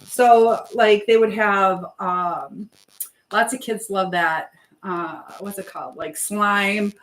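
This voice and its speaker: Hosting a live stream, a woman with a medium-pitched voice talks casually and slowly, her intonation fairly even. She drifts loosely from one thought to the next, unscripted, like someone chatting while doing chores, in a casual live chat monologue on a rough recording.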